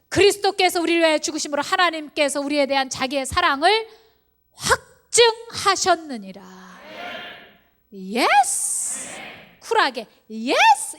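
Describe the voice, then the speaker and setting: A woman pastor preaching an animated sermon. She fires rhetorical questions at the congregation and urges them on. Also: very high-pitched. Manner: animated, acts out believers' inner voices.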